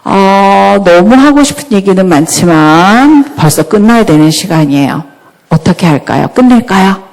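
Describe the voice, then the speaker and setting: A woman giving a church talk on parenting, lively and often asking the audience questions. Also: medium pitch, moderate pace. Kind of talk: church lecture. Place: church hall. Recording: long hall reverb.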